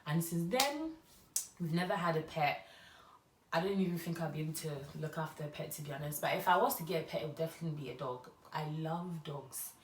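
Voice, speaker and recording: A young Ghanaian woman talks through a casual vlog, her Ghanaian English carrying Nigerian touches. Her voice sits low and she rambles in a chatty, storytelling way. The sound is roomy and a little distant from the mic. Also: lively intonation, fairly quick, slight background noise. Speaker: YouTuber. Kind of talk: casual get-to-know-me vlog.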